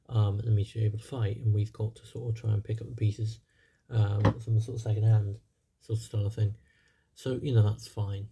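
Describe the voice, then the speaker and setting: A man's voice: on the low side, dark tone, breathy edge. A young man, slightly tired, giving casual, rambling commentary over a strategy game with lots of fillers. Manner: rambling, many fillers and hedges. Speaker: gaming channel host.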